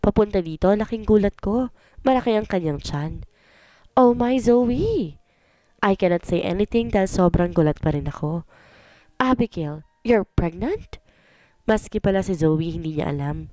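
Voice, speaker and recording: Mellow-voiced woman narrating a story. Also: lowish voice, fairly quick, no room sound. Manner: emotional, expressive. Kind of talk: scripted story narration in first person. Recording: faint background music.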